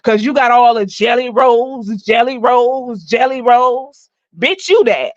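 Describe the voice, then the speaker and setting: A woman in her forties delivering a profane, mocking rant full of loud insults as she roasts someone on her stream. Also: a little high, unhurried, no room sound. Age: 40s. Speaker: livestream host. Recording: dull dry lo-fi recording.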